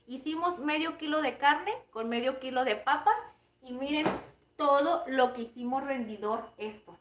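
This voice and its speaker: A woman's voice: sits high, moderate pace, background noise. A woman in her thirties with a Mexican Spanish accent, hosting a cooking livestream and chatting casually with her viewers, giggling often. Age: 30s. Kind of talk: casual live chat with viewers.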